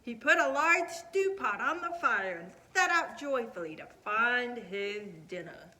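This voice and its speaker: Animated, high-voiced woman storyteller. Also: a little slow. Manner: expressive, emphatic storyteller delivery. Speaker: puppet storytime host and narrator. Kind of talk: children's story narration.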